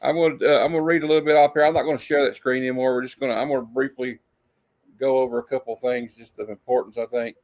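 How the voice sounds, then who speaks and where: A man's voice: mid-range voice, little pitch movement, fast, darkish tone, poor audio. A man hosting a horror movie show in a casual horror-host manner, chatting loosely as on a livestream.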